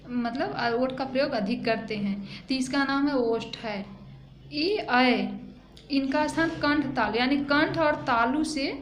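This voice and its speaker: A woman school teacher from eastern Uttar Pradesh giving a grammar lesson to children, explaining slowly and checking in with them often. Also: sits high, highs cut off. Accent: eastern Uttar Pradesh Hindi. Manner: slow, explaining, repeats and asks "है ना". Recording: echoey room with faint noise.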